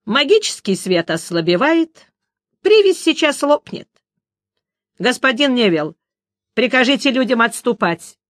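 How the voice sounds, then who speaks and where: A woman voicing a grim male priest who speaks slowly and gravely. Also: on the high side, sing-song, dry recording, clean studio sound, voice pushed up. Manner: slow, grave, deliberate. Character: grim older male priest, slow and ominous.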